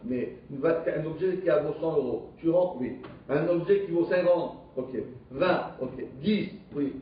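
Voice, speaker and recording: A man who teaches a live Talmud class, lively and questioning, explaining the text step by step. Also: a little high, a little slow, a little hiss or hum. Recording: distant echoey dull live stream.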